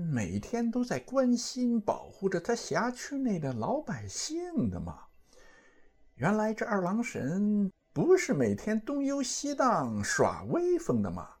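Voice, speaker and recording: A man talks through a classic story in a casual, animated way, posing questions and answering them himself. His voice carries a husky edge, and his pitch rises and falls widely as he goes. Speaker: storyteller and commentator. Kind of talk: casual explanatory commentary on a classic novel.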